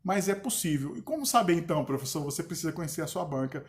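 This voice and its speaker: A man's voice: fairly high pitch, quick pace. A male teacher with a Brazilian Portuguese accent, giving a casual grammar lesson and checking in with his students often. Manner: relaxed, chatty, checks in with the class often.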